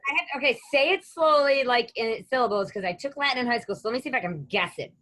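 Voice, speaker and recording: A woman's voice: on the high side, quick pace, bright, forceful tone. A woman co-hosting a podcast, blunt and teasing, swearing casually in chat. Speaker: podcast co-host.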